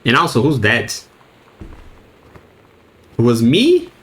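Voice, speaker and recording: A male streamer chats casually while playing through a game. He reads notes aloud haltingly and trips over unfamiliar words. His voice sits at an ordinary middle pitch. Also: wildly swooping pitch, a bit bright, poor audio. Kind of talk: casual let's-play commentary.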